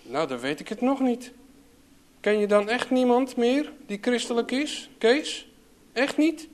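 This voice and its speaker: A man's voice: sits high, lively intonation, a little slow, voice pushed up. A man reading aloud, voicing a frail, anxious twelve-year-old girl in a storybook. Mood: pleading.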